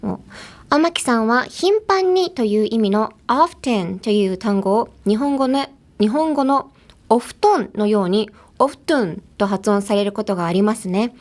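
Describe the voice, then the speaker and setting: A woman's voice: mid-range voice, a little slow. A young American woman hosting a podcast, chatting casually and laughing often as she switches between languages. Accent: American English. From Los Angeles. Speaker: podcast host. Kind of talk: casual bilingual chat.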